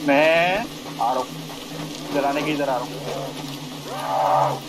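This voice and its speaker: A man in a co-op horror game voice chat, bossing his teammates with rapid repeated commands. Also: medium pitch, sing-song, very noisy. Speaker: gamer calling out moves to teammates.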